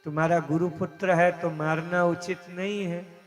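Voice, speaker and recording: A male preacher telling a devotional scripture story at a live religious gathering, with dramatic, emotive delivery and long pauses. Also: high voice, little pitch movement. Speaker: katha preacher. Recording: long hall reverb with faint instrumental music.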